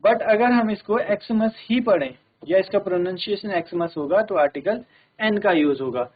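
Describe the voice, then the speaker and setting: A male English teacher, giving a classroom grammar lesson in a steady manner and often checking that everyone follows. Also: high voice, moderate pace. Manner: steady, repeats "ठीक है" to check understanding. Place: broadcast studio classroom. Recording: tinny phone-like audio.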